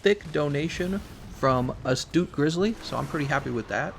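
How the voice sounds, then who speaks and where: A man's voice: on the high side, expressive, moderate pace, vocal fry, a little hiss or hum. A man from Missouri chatting casually on a game live stream, rambling and reading chat comments aloud with frequent laughs. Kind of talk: casual chat while gaming.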